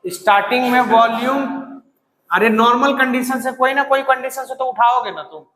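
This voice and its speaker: A man teaching a classroom lesson in a very high, sharp voice that rings through an echoey room with a long reverb tail. He dictates slowly, keeps urging students to answer, and scolds them bluntly. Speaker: biology teacher. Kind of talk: classroom lecture.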